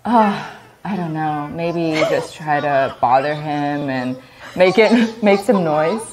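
A woman casually presenting her company's products, relaxed and laughing often between filler-heavy explanations. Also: deep voice, takes it slowly, crowd noise. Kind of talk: casual product demo chat.

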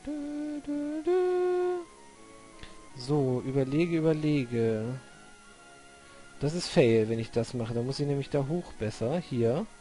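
A man playing a video game and commenting on it, excitable, swearing and shouting at the game. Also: mid-range voice, measured pace, faint music behind. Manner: hums along while waiting. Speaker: Let's Play host. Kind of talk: gaming commentary.

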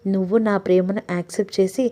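A woman's voice: mid-range voice, little pitch movement, fast, warm tone, close to an everyday voice. A woman voicing a young man in love, earnestly pleading and swearing devotion.

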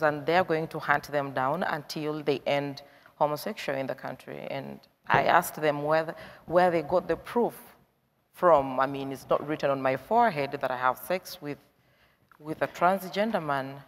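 A woman's voice: low-pitched, normal speed. A young woman from Uganda speaking frankly as a panelist, telling her own story. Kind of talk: personal testimony. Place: conference stage. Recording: long reverb in a hall.

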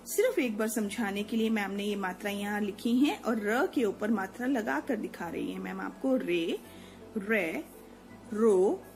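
A woman's voice: on the high side, darkish tone, low-quality recording. A woman teacher patiently explaining Hindi letters to young children, repeating each sound and checking that they follow. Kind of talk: children's Hindi alphabet lesson.

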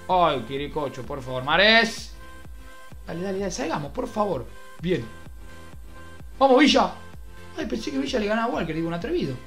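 A young Argentine man calls a football video game like a stadium commentator, his voice sitting high for a man. He bursts into shouted play-by-play, then drops to low, muttered grumbles. Faint game music plays behind him. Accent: Argentine Spanish. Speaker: gaming youtuber.

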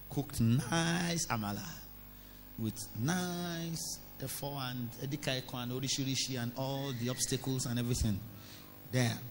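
A man preaching a sermon, telling stories and scolding in an animated way. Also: mid-range voice. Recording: reverberant hall with faint hum.

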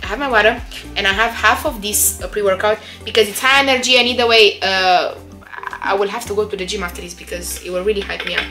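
A young woman chatting casually and upbeat in a product review vlog, with rambling asides. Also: mid-range voice. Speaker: vlogger.

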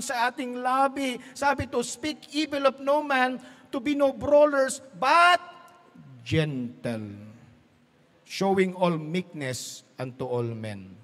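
A man's voice: very high voice, a bit bright, big-room sound. A man preaching a sermon as pastor, mixing Tagalog and English, telling jokes and laughing at his own stories.

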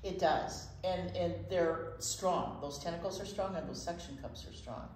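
In a library children's room, a woman in her sixties chats and reads aloud for a children's storytime, repeating key words with emphasis. Her voice is on the low side and darkish, moving at a moderate pace. There's a slight echo and faint noise in the recording.

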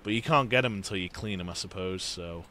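A man's voice: sits low, a little fast, bright, forceful tone, a little hiss or hum. A man giving casual gameplay commentary while playing, joking, swearing and chatting to viewers. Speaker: gaming video host.

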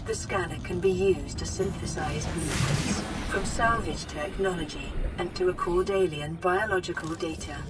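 Soft caring robot computer voice from a game, kinda low, sounds far off with loud music over it. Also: female voice, normal speed, long pauses. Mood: calm. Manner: even, soothing status announcements. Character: calm female onboard computer assistant. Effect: gentle synthetic computer voice. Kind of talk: game voice prompts.

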